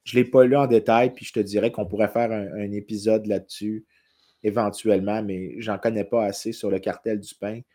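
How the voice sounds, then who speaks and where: Un homme à l'accent québécois, coanimateur de balado et économiste, qui explique l'histoire économique avec entrain dans une discussion décontractée. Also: male voice, on the low side, moderate pace. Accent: Québécois French. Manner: animated explaining, quotes in English. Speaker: podcast co-host, economist. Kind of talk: casual chat.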